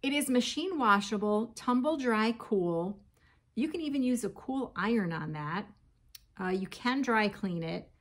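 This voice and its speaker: A woman's voice: on the high side, expressive, measured pace. A woman in her forties chatting casually about her yarn haul at her kitchen table, laughing often and reading yarn labels aloud. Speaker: crochet vlogger. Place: home kitchen, indoors.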